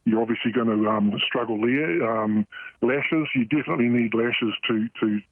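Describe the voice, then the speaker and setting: A middle-aged port worker with a New Zealand accent and a disguised voice, speaking bluntly and haltingly in a radio news interview. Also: male voice, medium pitch, dry recording. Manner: blunt, halting, with many fillers and restarts. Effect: voice disguised by processing. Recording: tinny, dry phone-like sound.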